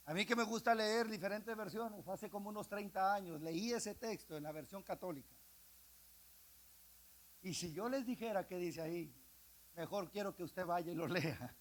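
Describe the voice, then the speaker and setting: A male evangelist preaching a sermon, swinging from hushed speech to impassioned shouting. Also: high voice. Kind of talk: Pentecostal-style sermon.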